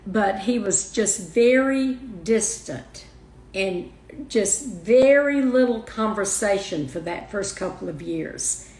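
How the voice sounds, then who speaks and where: An older woman speaking as a guest in a heartfelt interview, soft and halting, often restarting her sentences. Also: medium pitch, expressive. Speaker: guest, mother of the host. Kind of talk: emotional personal interview. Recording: roomy echo.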